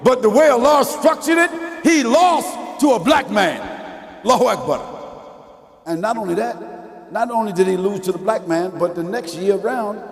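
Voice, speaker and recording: A man preaching a mosque lecture, peppering the audience with rhetorical questions and swinging between quiet asides and shouts, in casual vernacular speech. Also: high-pitched, normal speed, crowd noise. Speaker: Islamic preacher. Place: large Islamic center hall. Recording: echoey hall from some distance.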